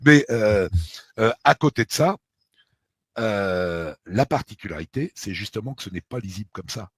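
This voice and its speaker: A middle-aged Frenchman talks in a casual, emphatic way, packing his speech with fillers and asides. His voice is husky and a little breathy. He is recorded close and dry, with no room echo. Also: on the low side, lively intonation, moderate pace, fairly bright tone. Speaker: researcher of a historical mystery. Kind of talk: casual conversation.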